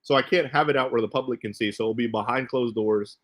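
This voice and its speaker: A man's voice: mid-range voice, fast talker, a bit bright. A man hosting a casual livestream, talking to viewers in a rambling way and often restating his phrases. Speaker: host of an RC car channel. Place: indoors in a cluttered warehouse.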